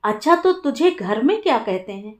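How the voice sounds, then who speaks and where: A woman's voice: fairly high pitch, big pitch swings, normal speed. A woman playing a stern old village mother-in-law. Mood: bossy. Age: older. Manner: scolding, old-fashioned village speech.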